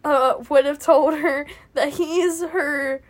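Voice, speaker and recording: Giggly high-voiced teenage girl. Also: steady tone, takes it slowly. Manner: giggly, rambling, self-mocking. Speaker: podcast co-host. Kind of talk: casual chat.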